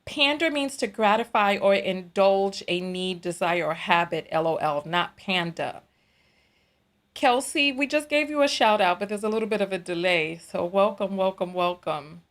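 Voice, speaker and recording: A woman with a New York accent speaks at medium pitch and a moderate pace while hosting a laid-back livestream. She reads comments from viewers and keeps chatting animatedly, often laughing and repeating phrases.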